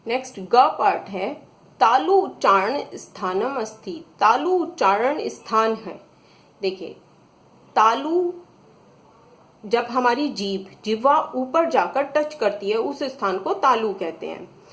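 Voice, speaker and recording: Slow, high-voiced woman teaching a class. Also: expressive, fairly bright tone. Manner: patient, addresses children, reads out and explains each answer. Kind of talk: slow explanatory lesson.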